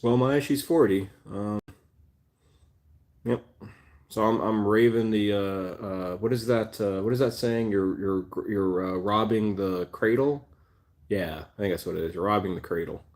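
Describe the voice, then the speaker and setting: With a lowish, darkish voice at a measured pace, this forties-aged cat channel host chats loosely on his livestream. He wanders through fillers and false starts, turning to address his cats between reading viewer comments.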